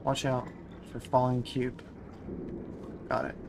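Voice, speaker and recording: A man's voice: medium pitch, slow, vocal fry, noisy background. A man doing casual live gameplay commentary, playfully thinking aloud to himself. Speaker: game streamer.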